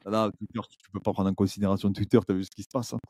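A man, a YouTuber guest on a podcast, telling stories in an animated, chatty way with many restarts. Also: lowish voice, rapid-fire, husky. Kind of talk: casual podcast chat.

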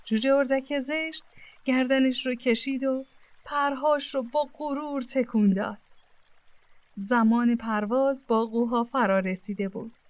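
A woman with a somewhat high voice reads a children's fairy tale aloud. She narrates in a gentle, even storytelling way, as for young listeners. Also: no room sound.

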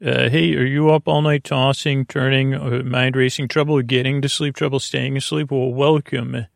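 A man with a creaky, gravelly, mid-range voice hosts a bedtime podcast, delivering a soothing, lulling monologue meant to send listeners to sleep. He speaks flatly, meandering and halting, with stammers and tangents. The recording is studio quality with no room sound.

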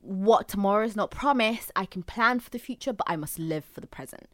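A woman's voice: medium pitch, fairly quick, no room sound, studio quality. A young woman, co-hosting a casual chat podcast and often talking over her co-host. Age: young adult. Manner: chatty, animated, talks over her co-host.

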